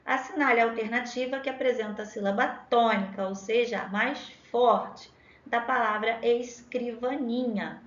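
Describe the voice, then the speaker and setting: Rio-accented woman teacher, fairly high voice, drawing out syllables in an echoey lo-fi room. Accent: Rio de Janeiro Portuguese. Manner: spells out words sound by sound, drawn-out syllables. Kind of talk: exam-prep lesson.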